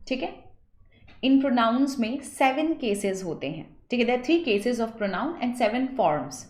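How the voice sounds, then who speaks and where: Slow-talking woman English teacher, echoey. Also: fairly high pitch. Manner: mixes Hindi and English, asks students questions and answers them; slow, deliberate English phrases. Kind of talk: online exam-prep lesson.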